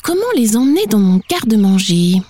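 A woman's voice: medium pitch, big pitch swings, a little fast, warm tone, a little hiss or hum, natural voice. A woman voicing a sly, hungry female weasel who sweet-talks and sneers in a children's storybook. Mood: coaxing. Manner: sugary then sneering, snickering.

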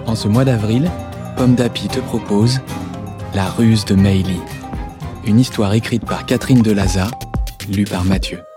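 A man calmly reading a children's story aloud in a measured, scripted narration. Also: fairly low pitch, music in the background.

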